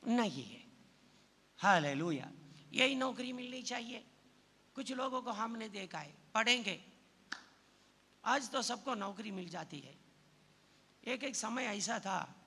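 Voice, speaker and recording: Guy preaching in a church, super slow and gravelly, big echoey hall. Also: high voice. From southern India. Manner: preaching with repeated hallelujahs, rising to shouts. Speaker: pastor. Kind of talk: sermon. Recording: long church hall reverb with faint noise.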